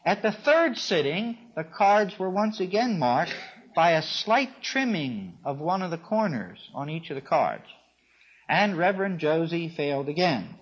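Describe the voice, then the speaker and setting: A man's voice: high-pitched, fairly bright tone, husky. A man giving a storytelling lecture to an audience, in a wry, dryly amused way. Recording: dull lo-fi recording.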